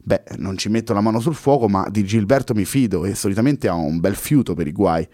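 A cocky young musician, boastful but a little awkward, as a male narrator puts him on. The voice stays fairly low and mellow, close to the narrator's own. It has a dry, close storybook sound. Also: brisk, dry recording, close to an everyday voice. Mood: explaining. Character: young French man, cocky musician friend.

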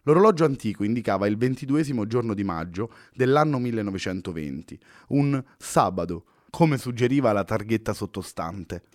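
A man reading a story aloud in a steady, even way. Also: fairly low pitch, brisk, hardly any pauses, no room sound, clean studio sound. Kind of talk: scripted story narration.

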